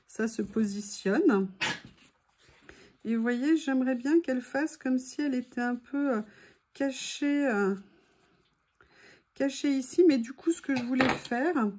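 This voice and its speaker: Chatty woman craft host, high husky voice, self-mocking, close mic. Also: mellow. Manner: self-mocking, laughs at her own mishaps, talks to viewers.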